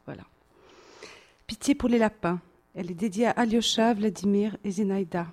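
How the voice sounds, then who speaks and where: A woman playwright introducing and reading her own short play in a soft, measured way. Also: medium pitch.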